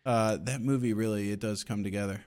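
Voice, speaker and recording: A man's voice: lowish voice, fairly even intonation, fairly quick, a little mellow. A young adult man co-hosting a podcast, telling stories in a laid-back, casually profane way. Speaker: podcast co-host.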